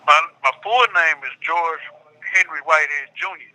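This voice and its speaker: A man calling from federal prison, heard over a prison phone line, answering interview questions in a calm, plain way. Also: fairly high pitch, moderate pace. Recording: tinny prison phone call.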